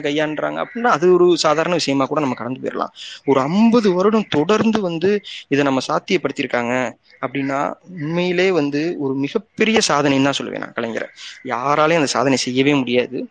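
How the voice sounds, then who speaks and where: A man's voice: a little high, vocal fry. A man speaking in an online audio discussion, explaining in an earnest way and often restarting and repeating his phrases. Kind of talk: casual political talk.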